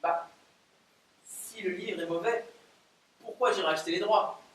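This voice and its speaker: A man's voice: sits high, a little slow, fairly bright tone. An actor playing a naive, clumsy, eager man in a stage play, hesitant and easily confused, recorded from far off in a very roomy theatre. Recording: very roomy stage audio from far off, faint noise.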